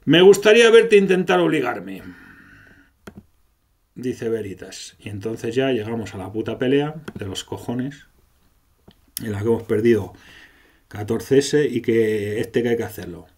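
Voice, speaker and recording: A man's voice: fairly low pitch, unhurried, dark tone, husky. Sarcastic man narrating gameplay. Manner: sarcastic, irreverent, swears freely. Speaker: gameplay commentator. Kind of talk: gameplay commentary, reading and parodying dialogue.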